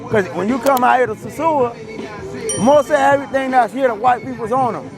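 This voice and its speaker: Emphatic man on a loud street. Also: very high-pitched, brisk. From Miami, Florida. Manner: loose, emphatic street talk. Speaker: restaurant owner. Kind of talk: street interview. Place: outdoors on a busy street. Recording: outdoor street with music and crowd. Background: music and crowd noise.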